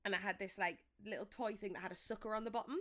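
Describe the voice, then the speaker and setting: A woman's voice: mid-range voice, steady tone, very fast, fairly bright tone. A young woman, casually telling childhood stories and often laughing mid-sentence. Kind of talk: casual chat.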